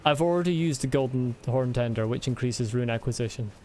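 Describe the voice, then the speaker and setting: A man's voice: mid-range voice, a little fast, darkish tone, slight background noise. A man giving playful, chatty commentary while playing a video game, yelping whenever he gets hit. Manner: playful, chatty, yelps at hits. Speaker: gaming channel host. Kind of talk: let's-play commentary. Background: game music.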